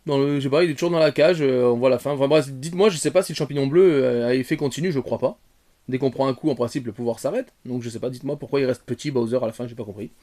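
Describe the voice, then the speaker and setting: Rambling French YouTuber reviewing a film. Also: male voice, medium pitch, rapid-fire. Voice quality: bearded. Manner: rambling, lots of fillers and restarts; animated, swings from soft asides to loud outbursts. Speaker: retrogaming YouTuber.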